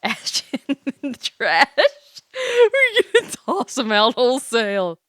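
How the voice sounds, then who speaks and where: A tipsy, giggly woman sips wine while streaming a game live as a virtual YouTuber, chatting casually and stopping to react. Her high voice swoops wildly in pitch, with a fairly bright tone and slow pace, recorded in studio quality with no room sound and faint music behind her.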